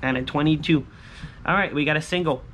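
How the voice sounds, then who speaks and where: A man's voice: on the high side, brisk, a bit bright. A man in his thirties chatting casually to viewers as host, in short, repetitive, informal phrases, recorded outdoors on a patio. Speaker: scratch-off lottery video host. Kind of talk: casual chat to viewers while scratching tickets. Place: covered outdoor patio by a pool. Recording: clear ambient background noise.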